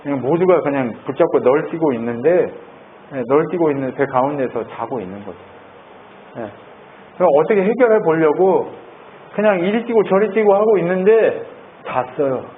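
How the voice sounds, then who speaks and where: A male pastor giving a sermon, talking in a lively way and asking the congregation questions. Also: on the high side, normal speed. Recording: tinny phone-like sound, faint noise.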